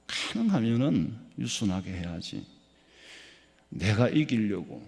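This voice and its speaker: A man from South Korea, a pastor preaching a midweek sermon with folksy stories, swinging between loud emphatic lines and soft low asides. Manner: folksy, anecdotal, acts out dialogue. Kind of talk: sermon with storytelling. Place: church sanctuary. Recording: long hall reverb in church.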